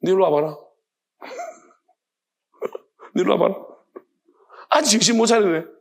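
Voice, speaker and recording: A man's voice: high voice, very animated, slow, exaggerated voice. A man voicing God as a stern, fed-up male figure who scolds bluntly. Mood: scolding. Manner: blunt, rough rebuking.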